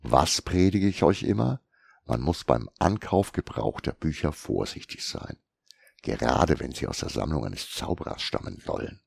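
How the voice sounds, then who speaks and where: A man voicing a gruff, shrewd old male bookseller who grumbles and lectures, in an audiobook. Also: extremely low pitch, animated, moderate pace, darkish tone, no room sound, full character voice. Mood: lecturing. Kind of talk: audiobook character reading.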